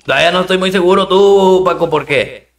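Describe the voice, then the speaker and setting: A man's voice: sits high, brisk, recorded from a distance. A man with a Mexican accent, streaming a game live, chatting in slang and thanking viewers between rounds.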